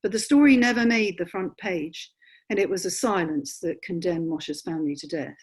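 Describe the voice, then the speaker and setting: A woman's voice: on the low side, moderate pace, a little mellow, husky. A woman journalist narrating a documentary in an earnest, thoughtful way.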